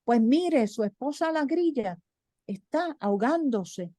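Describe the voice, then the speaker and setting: A calm little mouse husband reassures his wife in a storybook tale, as a woman acts him out. He speaks soothingly in a fairly high, dry, close voice. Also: slow pace, dry recording, full character voice. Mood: calm reassuring.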